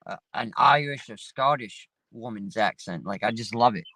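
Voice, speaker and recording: Recorded on his phone in a parked vehicle, this man hosts a livestream panel, chatting loosely with plenty of profanity and rambling. His mid-range voice sounds pushed and bright, and he speaks at normal speed. The audio is dry and poor.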